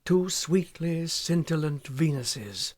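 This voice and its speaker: Here a fairly high-voiced man reads poetry with drama and lively intonation. The delivery is very slow and impassioned, broken by frequent pauses and many hushed passages.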